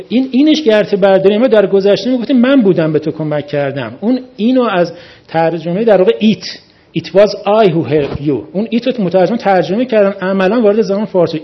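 A man on a panel critiquing a translation, talking methodically through examples one by one. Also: high-pitched. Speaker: reviewer of a translated book. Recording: dull lo-fi recording.

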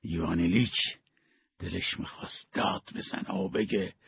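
A man reading a story aloud with slow, dramatic delivery and big swings in loudness. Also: low voice, big pitch swings, dry recording. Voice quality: gravelly, husky. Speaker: narrator. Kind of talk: storybook narration. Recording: dull lo-fi dry recording.

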